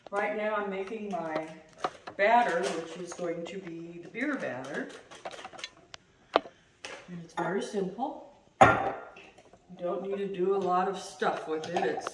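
Middle-aged woman, home cooking host, chatty and self-deprecating, recorded from across a roomy kitchen with noise. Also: on the low side. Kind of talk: casual cooking demo. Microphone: far camera. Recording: roomy, distant, noisy.

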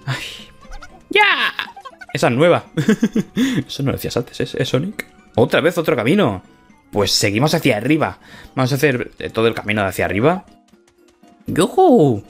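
A man's voice: medium pitch, big pitch swings, normal speed, long pauses, breathy edge, faint music behind. A man with a Spain Spanish accent hosting a casual gameplay video, chatty and playful, laughing often as he talks. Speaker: gaming let's-play host.

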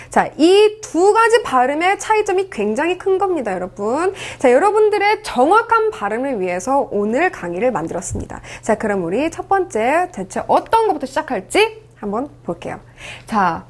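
A young woman gives an online pronunciation lesson, speaking straight to the camera. Her voice sits high and bounces through a wide pitch range. She coaches patiently and says each word slowly so it can be copied. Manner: lively, coaching, repeats words slowly for the viewer. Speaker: English pronunciation teacher.

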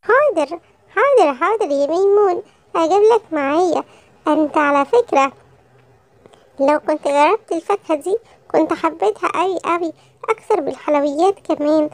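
A woman's voice: very high-pitched, brisk, no echo. A woman voicing a cheerful, sensible young boy lion cub with an Egyptian Arabic accent in a children's storybook. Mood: earnest. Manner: friendly, earnest.

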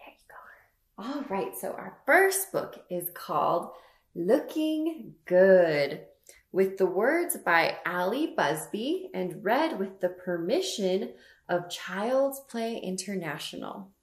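A woman's voice: mid-range voice, very animated, slow pace. A young woman reading picture books to toddlers as a storytime host, asking simple questions with exaggerated emphasis. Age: young adult. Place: small room at home, indoors. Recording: roomy home webcam sound.

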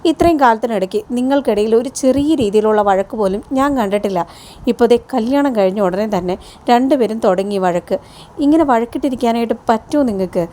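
A concerned young man from a TV serial questions and gently scolds, as a woman puts him on. The voice is mellow and a bit high. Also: fast talker, natural voice. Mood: reproachful.

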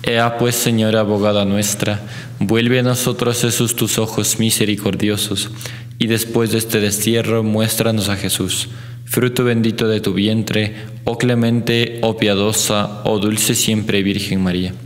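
A man with an Ecuadorian accent leading a recited rosary in a chapel, in a measured, even chant. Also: fairly low pitch. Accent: Ecuadorian Spanish. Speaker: prayer leader. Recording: long chapel reverb.

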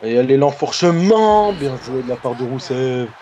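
A man giving excited, casual commentary on a wrestling video game. He cheers on the wrestlers and repeats his exclamations. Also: medium pitch, moderate pace, dull audio, slight background noise.

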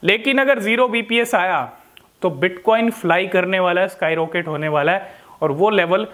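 A man in his thirties with an Indian accent, a crypto vlogger, talks to camera through a lapel mic, giving informal, explanatory market commentary. His voice sits high with a fairly bright tone at a normal speed, and he often checks in with short tag questions.

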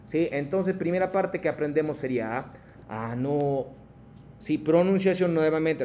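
A man's voice: fairly high pitch, warm tone, a little hiss or hum. A man teaching a class online and calling on students by name, patient in manner. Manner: patient, calls on students by name, mixes Japanese prompts into Spanish explanations. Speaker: Japanese language teacher.

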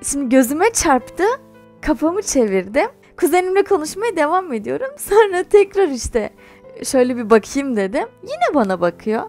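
Over soft background music, a young adult woman with a high-pitched voice talks at an even, moderate pace. She's a YouTuber sharing a personal story in a relaxed vlog, lively and chatty and laughing as she goes.

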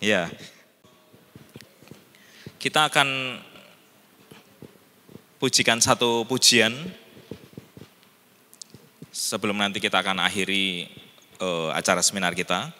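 Bright-voiced chatty man in a reverberant hall. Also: lowish voice, steady tone, slow pace, long pauses. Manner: chatty, mimics voices, asks the audience. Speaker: church event moderator. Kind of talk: casual church seminar talk. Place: church hall. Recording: long hall reverb with faint music.

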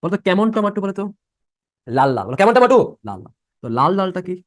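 Young guy teaching fast, voice jumping all over, keeps asking the class questions. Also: high voice, big pitch swings, no room sound, studio quality. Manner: repeats points and quizzes students by asking questions. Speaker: admission-prep teacher. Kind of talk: live online class lesson.

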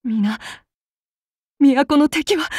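A voice actress records game lines as a polite yet bloodthirsty samurai woman of demon blood, whose soft, formal, archaic speech, courteous with a menacing edge, erupts into shrill battle cries. The mood here is frantic and pleading, delivered extremely slowly in a dry, studio-quality recording.

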